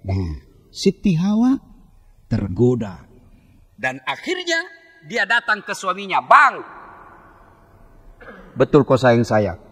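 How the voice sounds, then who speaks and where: A man's voice: on the high side, a bit bright. A man preaching a humorous sermon, joking with the congregation and acting out the voices of husbands and wives. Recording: long hall reverb.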